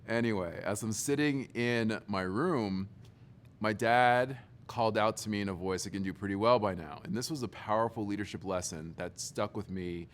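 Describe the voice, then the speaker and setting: A man giving a motivational talk to young leaders, telling a story in an animated, joking way. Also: on the low side, moderate pace. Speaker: speaker.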